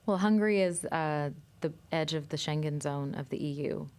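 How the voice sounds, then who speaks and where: With a low, smooth voice of darkish tone, a woman filmmaker discusses her work as a studio interview guest. Her delivery is measured, with plenty of pauses and ums.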